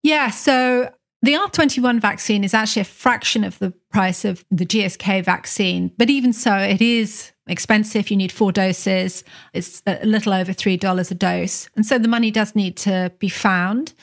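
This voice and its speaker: Woman correspondent, measured explainer; noticeable creak. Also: medium pitch. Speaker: correspondent, guest. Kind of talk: explanatory interview answers.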